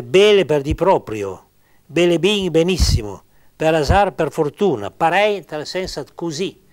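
A man giving an informal grammar lesson, halting and searching for words, repeating terms slowly as he explains. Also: fairly high pitch. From Argentina. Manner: slow, deliberate, repeating words. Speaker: language teacher.

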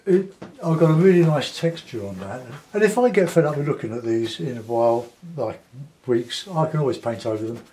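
A man in his sixties with a South London accent, giving an unhurried, casual commentary as he demonstrates painting, pausing and half talking to himself. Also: mid-range voice, animated, mellow, slight background noise, low-quality recording. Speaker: painting tutor. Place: small cluttered home studio, indoors.

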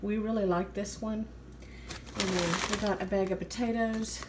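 A woman's voice: medium pitch, fairly even intonation, moderate pace. An American woman in her thirties narrating a haul in a chatty, informal way, as a vlogger on a handheld phone. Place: home kitchen, indoors. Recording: clear background room noise.

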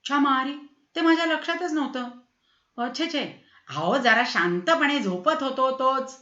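A woman voicing an irate, shouting bare-chested male neighbour in a storybook reading. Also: very high voice, lively intonation, moderate pace, echoey room, lo-fi sound, heavily acted. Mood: flustered. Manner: shouting, indignant.

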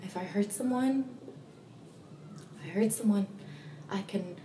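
Woman acting a remorseful young female recovering addict, halting confessional monologue, roomy echo, noisy background. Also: medium pitch, dark tone, close to an everyday voice. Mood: resolute, tender. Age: young adult. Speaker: actor performing a monologue. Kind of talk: dramatic monologue, naturalistic acting. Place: small plain room indoors. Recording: echoey, noisy room, distant mic.

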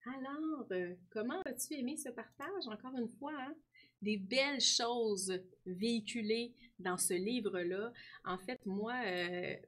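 A woman's voice: on the high side, takes it slowly. A woman teacher explaining a book to her pupils, often adding a questioning tag. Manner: warm explaining, frequent tag "hein". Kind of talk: classroom lesson talking to students.

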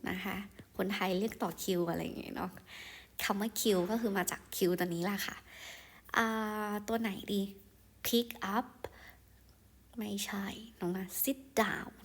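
A young woman tutor walks through exam questions at an unhurried pace. She reads each English sentence, then translates it and explains it gently. Her tone stays soft and friendly, with polite particles throughout. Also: medium pitch. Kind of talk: exam-prep lesson, explaining answers.

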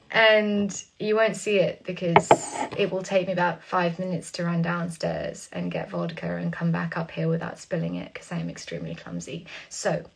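A young English woman chatting on a phone livestream from her room, rambling, laughing often and reading viewer questions aloud. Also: on the low side. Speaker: singer hosting a live stream. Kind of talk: casual chat.

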